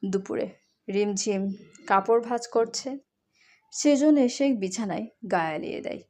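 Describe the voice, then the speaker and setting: A woman reading a romantic audio story in an expressive, scripted narration style. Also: mid-range voice, a little slow.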